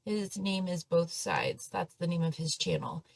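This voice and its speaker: A woman's voice: lowish voice, unhurried, creaky, no echo. A woman hosting a commentary channel, chatty and dismissive. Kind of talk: casual commentary.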